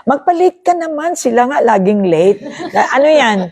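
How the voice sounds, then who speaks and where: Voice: sing-song, normal speed, a little mellow, slightly rough, heavily acted. A preacher voicing the world as a casual tempter who talks people out of going to church. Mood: persuading. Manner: casual, persuading, raised pitch. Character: lazy worldly voice of excuses.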